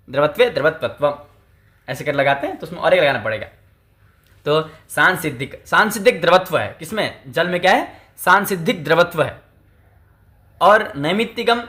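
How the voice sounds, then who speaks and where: A man giving a lesson who keeps asking and answering his own questions, with slow recitation of old text. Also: a little high, a bit bright. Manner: recites Sanskrit text slowly. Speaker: Sanskrit teacher. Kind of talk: textbook lecture.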